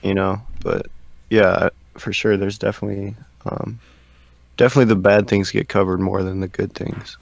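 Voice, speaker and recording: Man, podcast host, low voice, vocal fry, laid-back questions. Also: level tone, normal speed. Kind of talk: casual interview.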